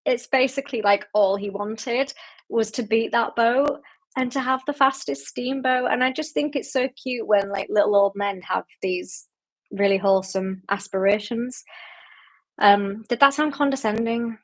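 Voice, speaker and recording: Hosting an online book club late in the evening, a woman with a slightly high voice sounds tired as she chats casually at normal speed. She reads out viewer comments, giggling and laughing a lot and using frequent fillers.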